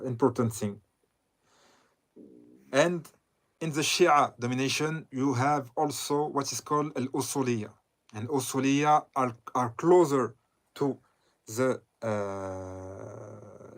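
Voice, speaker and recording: This is a man lecturing as an Islamic scholar at a very slow, deliberate pace. His voice sits at an ordinary middle pitch for a man. He talks haltingly, with frequent pauses and self-corrections. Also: vocal fry. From southern Lebanon. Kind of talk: lecture commenting on a read text.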